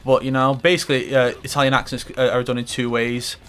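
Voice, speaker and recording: A man's voice: mid-range voice, little pitch movement, quick pace, a bit bright, slight background noise. Rambling, swearing young man over gameplay. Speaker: gaming commentator. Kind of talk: let's play commentary.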